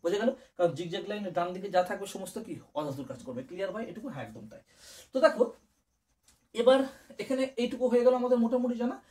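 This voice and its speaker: A male chemistry teacher giving an exam-prep lesson, repeating key points, checking that students follow, and chanting memory rhymes slowly. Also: high-pitched, a little mellow.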